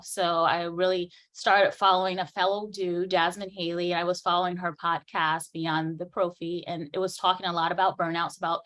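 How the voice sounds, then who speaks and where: A dental hygienist in her forties gives an earnest, lively conference talk in a fairly low voice, laughing frequently as she speaks.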